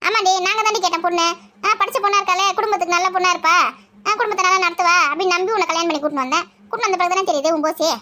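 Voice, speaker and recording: A sharp-tongued mother-in-law, played by a woman in a homemade village family skit. She scolds and taunts in a very high, bright voice and talks fast. Her retorts come quick and pointed. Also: steady tone. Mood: scolding.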